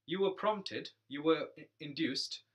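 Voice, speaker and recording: A man with a slightly high, very bright voice reads rhyming comic verse. His delivery is playful and sing-song, and he leans into each rhyme. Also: a little slow.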